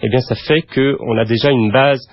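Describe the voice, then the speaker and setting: A man's voice: medium pitch, steady tone, normal speed, no room sound. A man talking as a radio guest, hesitant and stammering with restarts. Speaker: guest speaker. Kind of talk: radio studio conversation. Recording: dull lo-fi radio recording.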